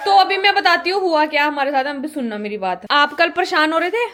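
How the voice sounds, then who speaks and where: A young woman vlogging at a family home, telling stories in an animated way and repeating words. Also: high-pitched, a little fast. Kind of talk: casual family vlog chat.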